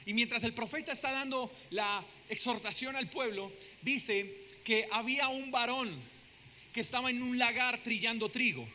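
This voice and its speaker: A man's voice: extremely high pitch, fairly even intonation, normal speed, bright, forceful tone, big-room sound, a little hiss or hum. A man preaching a sermon dramatically, asking the congregation questions, in a church sanctuary.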